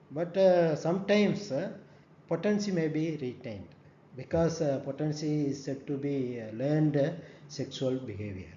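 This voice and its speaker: A man giving a recorded lecture, explaining step by step, often checking with "right?" and pausing on fillers. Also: fairly high pitch, mellow. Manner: many "uh" fillers. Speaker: forensic medicine lecturer. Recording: dull echoey room recording, faint hum.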